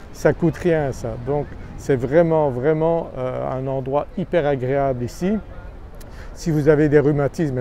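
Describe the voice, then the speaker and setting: Out in a seaside town, a Brussels-born property finder makes a casual vlog pitch to the camera, friendly in his persuasion though hesitant and full of filler sounds. His voice is mid-range with a dark tone, and there's slight background noise.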